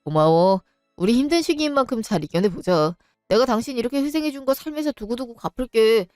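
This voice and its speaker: A woman voicing a weary young husband in a storybook drama, talking in a lowered, pleading tone. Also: animated, fairly quick, darkish tone, no echo, clean studio sound, soft background music, lightly acted. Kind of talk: storybook voice acting.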